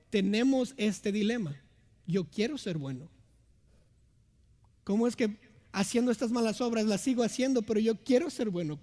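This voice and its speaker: A man's voice: sits high, dark tone. A young man, an assistant pastor, preaching an earnest sermon in a church and often asking his listeners to agree. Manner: earnest, asks the congregation "¿verdad?" often. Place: church sanctuary. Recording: long church hall reverb.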